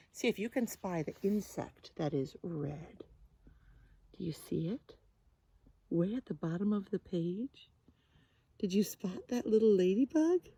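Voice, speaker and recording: A woman teacher reads a picture book to young children in a gentle, sing-song way with exaggerated expression, often speaking to them directly. Her voice is medium-pitched and husky.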